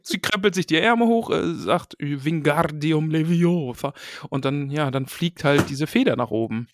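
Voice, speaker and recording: A man's voice: a little high, expressive, moderate pace, no echo, studio quality. A man hosting a casual book-discussion podcast, chatty and reading short passages aloud.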